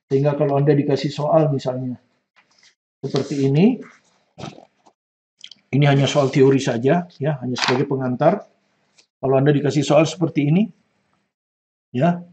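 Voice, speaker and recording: A man's voice: on the high side, darkish tone, muffled recording. An older man teaching a physics lesson, patiently repeating key points and checking in with the class. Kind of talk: classroom lecture.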